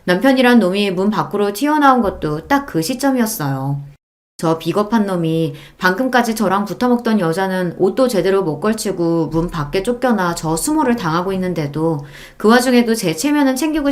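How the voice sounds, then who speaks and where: A woman's voice: medium pitch, lively intonation, normal speed. A woman narrating a first-person audiobook story in an indignant, emphatic tone.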